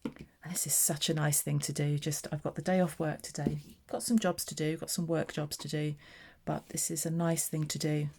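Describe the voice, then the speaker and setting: In a friendly craft tutorial, a papercraft demonstrator from southeast England chats about each step of her work. Her voice is low, mellow and husky, and she speaks in an unhurried, flat way.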